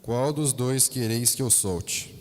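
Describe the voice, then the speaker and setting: A man reading the part of the Roman governor Pilate in a liturgical Passion reading, with firm, measured questions. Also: medium pitch, natural voice. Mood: questioning. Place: large church. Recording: echoey church hall.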